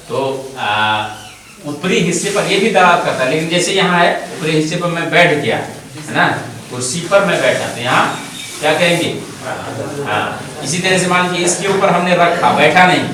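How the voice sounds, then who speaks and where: A man's voice: fairly high pitch, bright, forceful tone. A man teaching Arabic grammar in a seminary class, repeating terms and quizzing his students. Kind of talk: classroom lecture. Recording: very echoey room, distant mic, students around.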